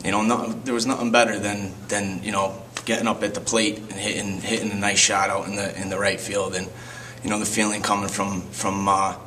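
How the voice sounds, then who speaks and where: A man's voice: on the low side, flat delivery, a little fast, bright, forceful tone, recorded from a distance, slight background noise, low-quality recording. A man in his twenties from Connecticut, fondly reminiscing in a casual way for a documentary. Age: 20s. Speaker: interviewee. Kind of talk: documentary testimony.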